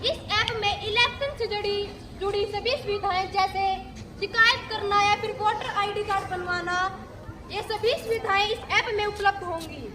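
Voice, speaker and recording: A woman's voice: very high voice, fairly even intonation, moderate pace. A young woman performing in an outdoor street play, declaiming rhyming lines and urging the audience directly. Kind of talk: street theatre address to the audience. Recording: outdoor street recording with crowd and noise.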